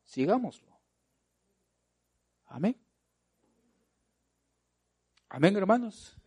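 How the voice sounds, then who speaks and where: A man preaching a sermon in a voice pitched somewhat high. He keeps firing rhetorical questions at the congregation. His delivery moves from loud, urgent exhortation to soft, stretched-out asides. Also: very animated, slightly rough. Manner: swings between loud exhortation and quiet, drawn-out asides.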